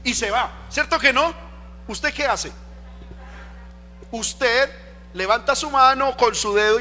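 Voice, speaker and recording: A man's voice: extremely high pitch, pushed and bright. A man preaching a sermon as pastor, emphatic, with rhetorical questions to the congregation. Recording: long reverb of a church hall. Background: faint music.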